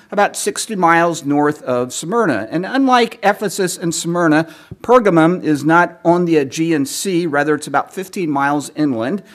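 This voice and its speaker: A man giving a teaching sermon, lecturing in a measured way, clearing his throat often as he is losing his voice. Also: fairly high pitch. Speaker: preacher.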